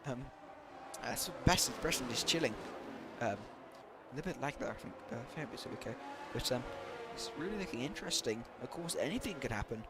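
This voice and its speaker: A man's voice: mid-range voice, animated, brisk, very noisy. A man doing live commentary on an online racing league, talking hesitantly with many fillers, saying he is losing his voice.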